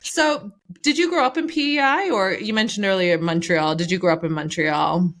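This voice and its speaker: A woman's voice: mid-range voice, normal speed, fairly bright tone. A woman from Newfoundland with a Canadian accent, hosting a podcast interview in a casual, conversational way. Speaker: podcast host.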